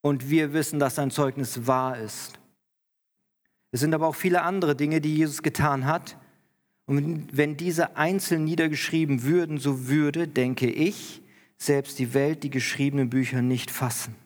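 A man's voice: on the high side, steady tone, measured pace. A pastor preaching to his congregation, explaining scripture in an earnest way and lifting his voice with emphasis when he quotes the text. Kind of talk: sermon. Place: church hall. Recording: long church-hall reverb.

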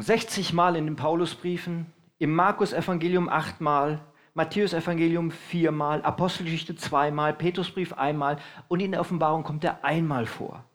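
A man preaching a sermon. He asks the congregation questions and acts out heralds' announcements. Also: on the high side.

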